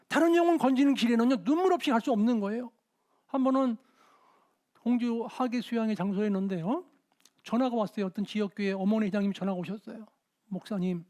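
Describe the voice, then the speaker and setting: Middle-aged male pastor, high voice, animated sermon storytelling. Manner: animated storytelling, shouting out quoted dialogue. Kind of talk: sermon with dramatized anecdotes.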